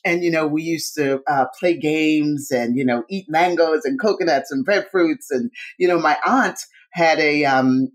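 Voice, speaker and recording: A woman's voice: deep voice, measured pace. Effusive woman dancer, chatty guest. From New York. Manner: warm, effusive, with many fillers and repeats. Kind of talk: casual conversation.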